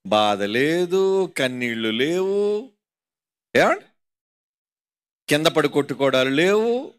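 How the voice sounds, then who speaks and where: A man with a Telugu accent delivers a sermon in a high voice that swoops up and down. He mocks his listeners and keeps firing rhetorical questions at them. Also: very animated, slow pace. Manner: mocking, rhetorical, constantly asking the audience. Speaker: pastor.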